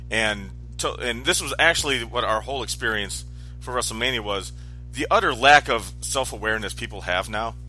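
Man in his forties, bright sharp voice, rambling chat, faint music under. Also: mid-range voice, rough recording. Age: 40s. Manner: chatty, rambling, self-correcting. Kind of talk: casual chat.

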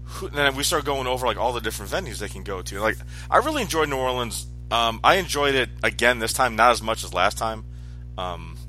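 Forties male co-host, bright tense tone, chatty and rambling. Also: medium pitch, low-quality recording. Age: 40s. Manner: chatty, rambling, self-correcting. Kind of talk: casual chat.

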